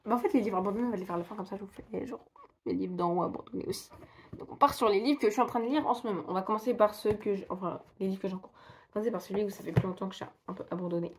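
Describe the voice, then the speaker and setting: A woman's voice: medium pitch, racing, a little mellow, a little hiss or hum. A young woman in casual vlog chat, rambling and self-mocking with lots of fillers. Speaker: book vlogger.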